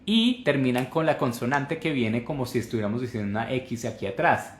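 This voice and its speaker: A man's voice: medium pitch, a little fast, reverberant, a little hiss or hum. A man teaching English pronunciation in a live online class, explaining and repeating words over and over to demonstrate the sounds.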